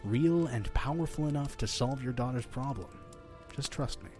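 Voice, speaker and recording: With a warm, mid-range voice, moderate pace and lightly acted delivery, a man portrays a friendly, mysterious innkeeper in audio drama storytelling and dialogue. He sounds earnest and persuasive with a folksy touch, and soft music plays in the background.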